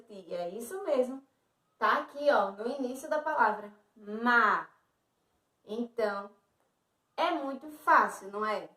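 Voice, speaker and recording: High-voiced Brazilian teacher in an echoey room. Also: female voice, fairly bright tone, recorded from a distance. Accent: Brazilian Portuguese. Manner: slow, sing-song, encouraging, calls herself auntie. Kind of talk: online lesson for young children. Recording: roomy echo, a bit off-mic.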